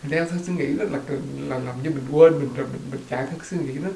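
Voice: medium pitch, fast talker, mellow. A student at a dharma talk asking a long question, hesitating and searching for words. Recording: echoey room with faint hiss.

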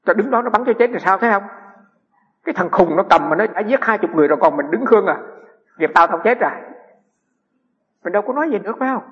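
A middle-aged Buddhist monk gives a dharma talk in a husky, fairly high voice. He tells anecdotes and keeps asking his audience rhetorical questions. The dull, lo-fi recording carries a long hall reverb. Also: lively intonation, fast, pauses often.

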